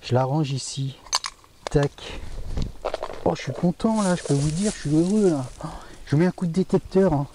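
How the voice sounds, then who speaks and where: A man talking to viewers while metal detecting outdoors by woods near a castle, chatty and quick to exclaim, always tacking on little filler words. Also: fairly high pitch. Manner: chatty, keeps adding "hein" and addressing viewers; excitable, delighted exclamations. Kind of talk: live commentary to camera while detecting. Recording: distant outdoor mic with faint noise.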